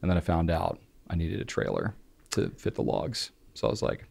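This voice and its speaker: A young man co-hosting a podcast, telling stories in a lively way and acting out his own quotes. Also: sits low, moderate pace, gravelly, slightly rough. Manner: animated storytelling, acts out his own quotes. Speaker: podcast co-host. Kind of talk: casual podcast chat.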